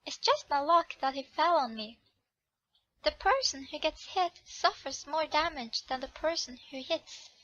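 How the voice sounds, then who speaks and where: A woman narrates a romance visual novel aloud in the heroine's voice and stops to correct her own reading. Her voice is high and bright, and she speaks slowly. The recording is dry and slightly dull. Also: lively intonation, dry recording. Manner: reads the heroine's lines, corrects herself aloud. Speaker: channel host reading a game.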